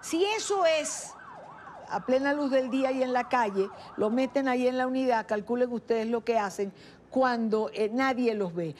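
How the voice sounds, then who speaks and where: A woman hosting a live television interview, her voice sitting a little high. She talks with frequent hesitations and false starts. A faint hiss of noise runs underneath. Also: a little mellow. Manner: hesitant, many fillers and restarts. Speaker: TV news interviewer.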